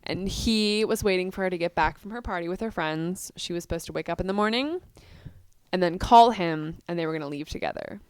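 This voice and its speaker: A woman in a casual two-person chat who retells scenes with lively emphasis. Her voice is smooth and clear, a little low for a woman, recorded close and dry. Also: brisk, no echo. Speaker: co-host. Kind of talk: casual discussion of book versus film.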